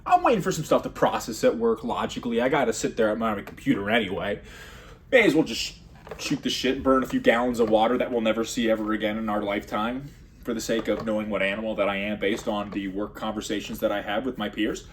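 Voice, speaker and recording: A man doing a rambling comedic monologue, sarcastic with deadpan asides. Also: on the low side, fast, slight background noise.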